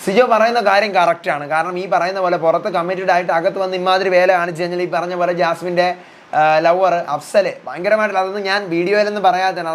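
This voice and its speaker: A young man recapping a reality show episode in casual, chatty speech, retelling what the housemates said. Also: high-pitched. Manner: rapid chatty retelling, voicing housemates' quotes. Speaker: reality show reviewer, channel host.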